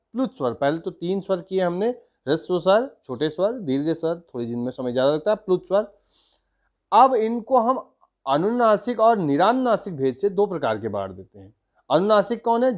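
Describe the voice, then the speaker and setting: Male school teacher, Uttarakhand Hindi accent, slightly high voice, patient step-by-step explainer who chants examples. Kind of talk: grammar lesson for school students.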